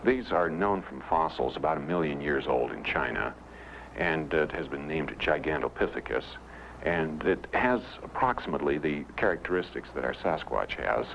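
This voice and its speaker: A man with an extremely deep, creaky voice explains like an academic, halting and matter-of-fact. The recording is dull old film sound with faint noise. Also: animated, fairly bright tone. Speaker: anthropologist interviewee. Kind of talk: informal expert explanation.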